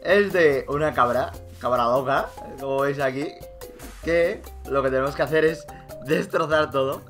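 A young man with a Spain Spanish accent, giggling and shouting through a gaming commentary, laughing at nearly everything. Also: medium pitch, moderate pace, soft background music. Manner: laughing constantly, loud exclamations, swearing. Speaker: gaming YouTuber. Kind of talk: let's play commentary.

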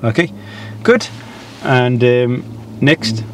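Inside a parked car, with noticeable cabin noise, a driving instructor in his thirties talks a learner through steps in conversational question and answer. His medium-pitched voice is expressive, with drawn-out words, and he often checks in with a "yeah?".

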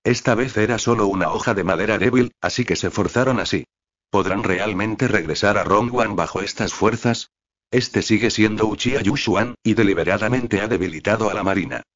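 Brisk yet steady, a man with a low voice narrates an audiobook, keeping his reading mostly flat in expression. The audio has a dull, lo-fi quality with the treble apparently rolled off.

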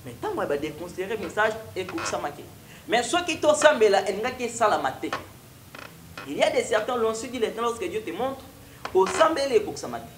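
A man's voice: sits high, sing-song, fast talker, reverberant, slight background noise. A young man with a Congolese accent, a prophet telling his testimony in a TV studio interview, switching between French and Lingala. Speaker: prophet guest. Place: TV studio with stone wall backdrop.

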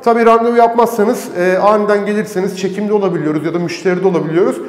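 A man with a high voice speaks very fast in a steady tone while giving a villa tour as a real estate agent. He walks and gestures through empty tiled rooms, and the recording echoes with the bare interior of the house.

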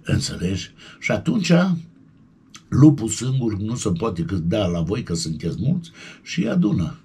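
Excitable gravelly man. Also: on the low side. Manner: excitable, colloquial, yelping interjections. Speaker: showbiz gossip vlogger. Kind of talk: animated gossip commentary.

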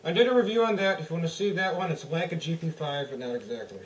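Man speaking through a full-face gas mask, high and muffled, set back from the mic in an echoing room. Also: quick pace. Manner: muffled, loose and chatty, addressing viewers. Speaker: product reviewer. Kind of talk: casual product review vlog. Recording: roomy echo, distant from the mic.

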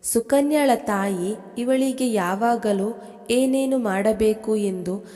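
Woman narrating a story, slow and calm, slightly high voice. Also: long reverb tail. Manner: slow, even reading. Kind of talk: scripted narration.

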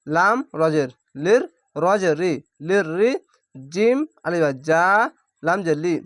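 A Quran reading teacher gives a spelling-out lesson, patiently sounding syllables out plainly and then stretching recited words slowly. His voice is high-pitched and animated, captured in a dry, clean studio recording.

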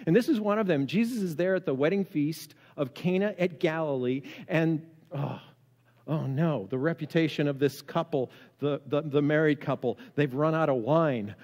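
A male pastor preaching a sermon in an animated, conversational way, often restarting his words. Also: on the high side, normal speed. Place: church sanctuary. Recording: long church hall reverb.

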